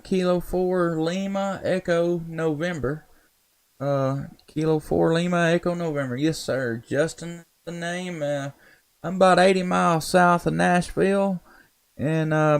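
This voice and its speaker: An amateur radio operator chats on a live stream in a folksy, laid-back ham radio conversation. His voice is a little high and creaky, and he speaks somewhat slowly.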